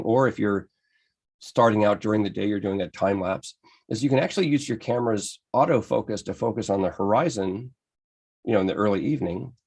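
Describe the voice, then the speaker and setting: An American man presents a photography lecture over slides, enthusiastic and conversational. His voice sits low with gravel and a husky grain. He often stops and restarts as he explains. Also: a little mellow. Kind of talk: slide-based club lecture.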